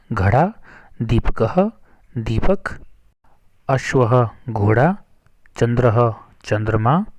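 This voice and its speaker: A man teaching a school Sanskrit lesson, reading each word and then giving its meaning in a measured, explanatory way. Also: medium pitch, darkish tone, no echo. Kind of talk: slow explanatory lesson narration.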